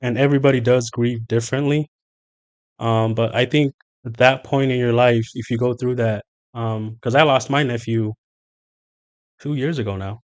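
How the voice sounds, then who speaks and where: A man guesting on a podcast, thinking out loud in a relaxed, earnest way. He pauses often with fillers before he settles on his point. His voice sits in an ordinary middle pitch. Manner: thoughtful, earnest, with frequent fillers and exclamations. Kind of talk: casual podcast conversation.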